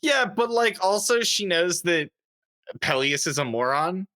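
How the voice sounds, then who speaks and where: A man's voice: high-pitched, expressive, unhurried, pushed and bright. A man playing in a tabletop game, talking loosely and thinking aloud. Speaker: player. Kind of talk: casual chat at a tabletop game.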